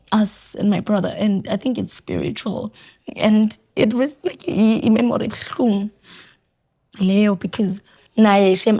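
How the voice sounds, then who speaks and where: A young woman with a South African accent telling a personal story as a podcast guest, quiet and reflective, switching between Zulu and English. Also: medium pitch. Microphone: studio podcast mic.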